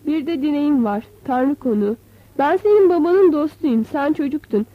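Old nomad man, voiced by a woman: frail, humble, pleading, high and dry. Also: lively intonation, normal speed, no room sound. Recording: dull, slightly lo-fi.

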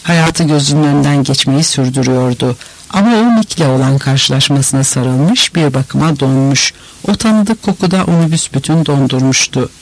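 A man reading a novel aloud in a measured, expressive storytelling manner. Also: medium pitch, low-quality recording. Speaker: narrator. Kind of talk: scripted audiobook narration.

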